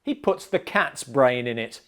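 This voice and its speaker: A man's voice: mid-range voice, lively intonation, measured pace, fairly bright tone. A man hosting a comedic bad-movie review, narrating with dry sarcasm. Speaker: film reviewer host.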